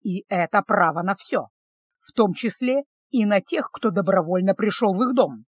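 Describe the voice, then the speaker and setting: A woman voicing a solemn older male rescuer who speaks slowly and gravely. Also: animated, no echo, studio quality. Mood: grave warning. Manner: slow, low and measured.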